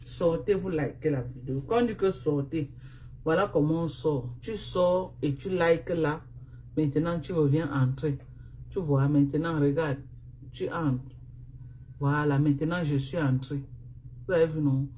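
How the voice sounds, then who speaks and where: Slow-talking Cameroonian woman teasing her live viewers. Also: deep voice, dark tone, slight background noise. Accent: Cameroonian French. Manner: repetitive, teasing, scolding refrains. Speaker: live streamer. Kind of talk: casual live-stream chat with viewers.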